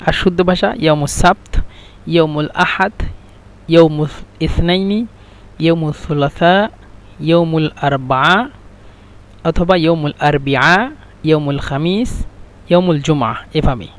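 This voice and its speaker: A man with a Bangladeshi Bengali accent teaching an Arabic lesson, repeating phrases slowly to drill them. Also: a little high. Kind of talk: explaining a language lesson.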